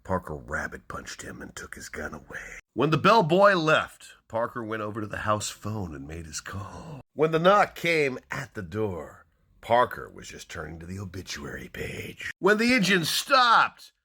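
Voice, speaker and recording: Hammy, husky low-voiced man reading dramatically. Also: huge pitch swings, a little slow. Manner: hammy theatrical delivery, loud starts dropping to hushed endings. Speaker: book enthusiast reading aloud. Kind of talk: dramatic reading of novel opening lines.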